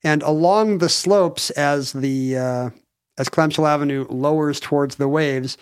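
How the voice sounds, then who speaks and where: An American man co-hosting a podcast, rambling and halting, with dry humor. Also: fairly high pitch, clean tone. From United States. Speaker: podcast co-host. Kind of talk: casual chat. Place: Pacific Northwest.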